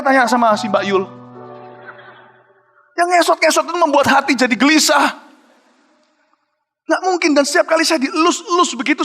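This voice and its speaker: High-voiced fast-preaching man, echoing hall. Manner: animated preaching, swings between loud exclamations and low hushed prayer. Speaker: pastor. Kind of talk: sermon. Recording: reverberant church hall with soft music.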